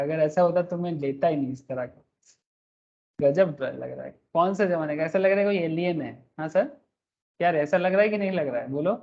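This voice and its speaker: A man's voice: high voice, darkish tone. A man teaching a joking tax class, lo-fi. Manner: joking, self-mocking, calls students "sir"; mixes English terms into teaching. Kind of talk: online class lecture.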